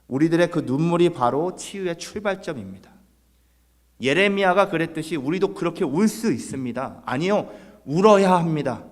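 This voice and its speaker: A man's voice: fairly high pitch, animated, normal speed, long reverb tail. A man preaching a Sunday sermon as pastor, earnest, putting rhetorical questions to his congregation. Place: church sanctuary.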